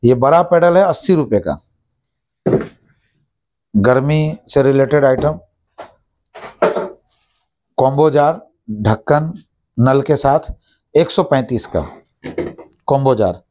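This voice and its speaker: In a small shop office, a man in his thirties who owns the shop reads off prices for plastic goods, briskly saying each one twice. His mid-range voice is dark in tone with lively intonation, picked up by a lapel mic indoors.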